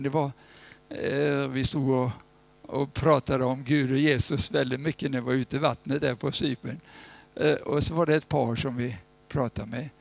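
A man preaching an informal sermon, telling stories in a conversational way and breaking into loud, pleading cries. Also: a little high, gravelly, dry recording.

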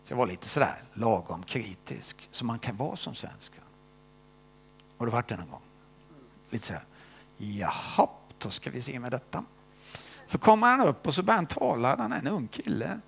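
An older man preaches and tells his own testimony in a voice with a gravelly, creaky texture. His pitch rises and falls widely, swinging from loud emphasis down to hushed, whispered asides. He keeps tagging short questions onto his sentences, as if checking in with the listeners. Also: big pitch swings, a little hiss or hum. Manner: often ends phrases with a questioning "va?". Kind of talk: sermon with personal testimony.

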